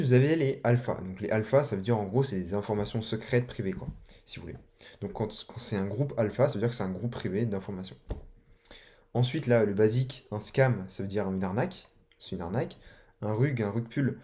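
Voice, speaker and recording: A young man explains things in a loose, slangy way, full of fillers and restarts. His voice sits fairly low and sounds dark and mellow. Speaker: online course instructor. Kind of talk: casual explanatory tutorial.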